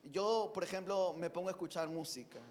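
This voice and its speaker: Male preacher from Peru, high voice, earnest sermon delivery, swings from emphatic to hushed, lots of rhetorical questions. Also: fairly quick.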